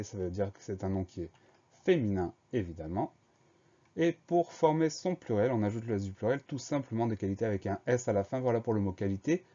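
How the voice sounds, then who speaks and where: A man teaching schoolchildren their spelling, his voice low and mellow. He walks through every word patiently, letter by letter, in a calm, methodical way. The recording sounds dull and lo-fi.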